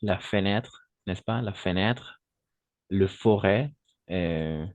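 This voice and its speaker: A man's voice: deep voice, slow, darkish tone. A man who speaks Spanish natively teaches French pronunciation to Spanish speakers, patiently repeating words and checking in with his students. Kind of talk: online language lesson.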